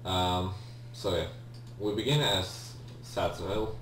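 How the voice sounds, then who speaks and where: A young native Polish speaker, accent audible, talks through his game for a let's play in a low, slightly bright voice, taking it slowly. He's casual yet hesitant, often apologizing, restarting and saying um. A distant mic captures an echoey room and a faint hum.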